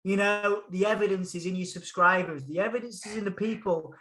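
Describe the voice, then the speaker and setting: A man's voice: high voice, fairly quick, a bit bright, echoey room. A man with a Hull accent, chatting enthusiastically as a podcast guest over a call, often repeating phrases for emphasis. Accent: Hull English. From Hull, England. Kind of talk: casual interview chat.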